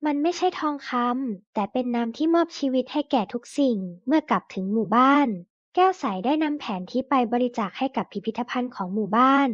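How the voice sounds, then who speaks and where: A woman reading a children's story aloud slowly and clearly, then reading a list of vocabulary words. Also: high voice, lively intonation, no room sound, highs cut off.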